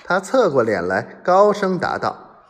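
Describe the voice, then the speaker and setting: Slow, dramatic male storyteller. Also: high voice, very animated. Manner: dramatic, acts out quoted voices. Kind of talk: serialized story narration. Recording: long hall reverb.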